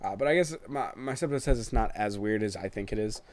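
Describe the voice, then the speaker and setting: Stuck at home in quarantine, a twenty-something man rambles through casual let's play commentary, full of ums and uhs. He talks fast in a lowish voice, using a webcam setup, with game music playing.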